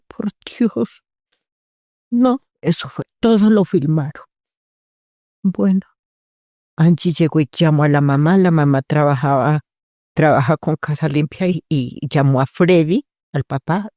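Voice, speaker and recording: An older woman with a Colombian accent recounts her own experience in an interview. Her voice is low and mellow, and it is recorded dry and close. She acts out the words of the people in her story as she goes. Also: animated, unhurried, dry recording. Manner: tells her story by acting out quoted dialogue. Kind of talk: emotional personal testimony.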